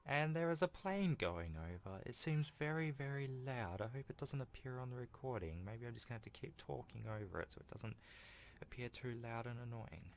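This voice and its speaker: A young gaming YouTuber doing a playthrough offers casual let's-play commentary and reads game text aloud. His mid-range, gravelly voice is animated and fairly quick. It's a home recording with video game music behind it and slight background noise.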